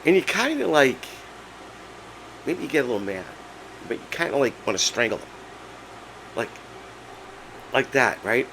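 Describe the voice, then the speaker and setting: A man around sixty talks in a low, gravelly voice that is hoarse and giving out. He speaks casually and haltingly, like a vlogger telling a personal story, repeating words as he goes. A clear background hum sits under him. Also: very animated. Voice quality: hoarse, breaking voice. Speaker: vlog host.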